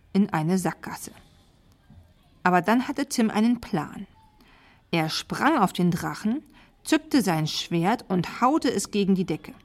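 A woman reading a children's story aloud in a lively storytelling manner. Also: medium pitch. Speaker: story reader.

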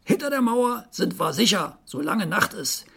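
Storybook tiger, reader voicing: sure of himself, raised, slow, husky. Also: mid-range voice, sing-song, a bit bright, voice pushed up, full character voice. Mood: bossy. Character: confident zoo tiger who knows the way.

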